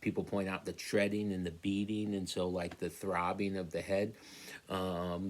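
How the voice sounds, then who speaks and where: A middle-aged man, an English lecturer, explaining a poem in a conversational, storytelling way. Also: deep voice. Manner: conversational, storytelling with acted-out quotes. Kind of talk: recorded literature lecture.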